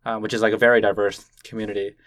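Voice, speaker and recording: A curious man from Canada, a native Cantonese speaker, hosts a podcast and gently probes his guest in a conversational interview. He talks very fast in a level tone, his voice on the low side, and the recording is dry without echo.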